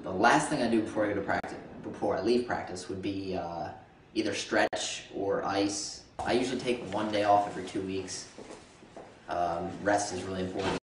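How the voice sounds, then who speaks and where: A man in his twenties, a college runner, talking in a relaxed, plain-spoken way with fillers in a documentary interview. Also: sits low, moderate pace, far from the mic, background noise. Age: 20s. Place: campus location. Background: music.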